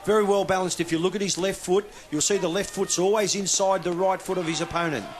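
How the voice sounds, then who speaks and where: A man's voice: sits high, steady tone, quick pace, a little hiss or hum. A man with an Australian accent hosting and giving live boxing commentary.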